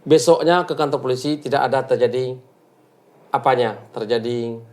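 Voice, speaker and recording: A man, recounting his story in a casual interview, halting and full of restarts. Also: mid-range voice, darkish tone. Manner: halting, full of restarts, acts out quoted speech.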